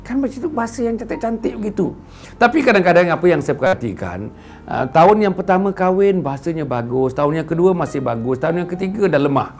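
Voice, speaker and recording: A middle-aged man from Klang in Malaysia, speaking with a Malaysian Malay accent, giving an animated sermon to viewers and acting out quoted speech with playful asides. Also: fairly high pitch, fast talker, soft background music. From Klang, Selangor, Malaysia. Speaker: religious speaker addressing viewers. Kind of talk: lecture-style sermon to a camera audience.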